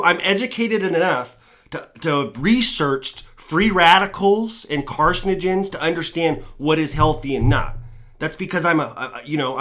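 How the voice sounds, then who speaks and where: A man ranting on a live stream about cannabis laws, swearing constantly, and high while he talks. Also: a bit bright. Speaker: cannabis vlogger. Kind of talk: profane live stream rant.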